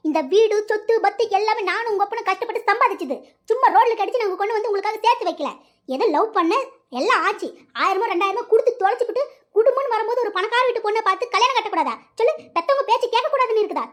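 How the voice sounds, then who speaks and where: Someone voicing a domineering, money-minded cartoon mother who lectures her son. She scolds and bosses him in a very high-pitched voice at a quick clip. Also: fairly bright tone. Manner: scolding, bossy, colloquial. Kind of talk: cartoon voice acting.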